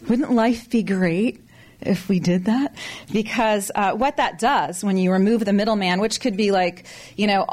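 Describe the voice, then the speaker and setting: Woman doctor, public talk, chatty and animated, speaking to a room of listeners. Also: mid-range voice, unhurried. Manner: conversational, animated, with restarts and asides to the audience.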